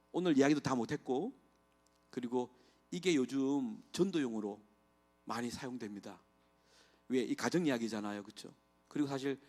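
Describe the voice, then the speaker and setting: A man's voice: mid-range voice, darkish tone. A middle-aged man, a pastor, giving an impassioned testimony sermon in a church and asking the congregation rhetorical questions. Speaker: guest pastor. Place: church sanctuary.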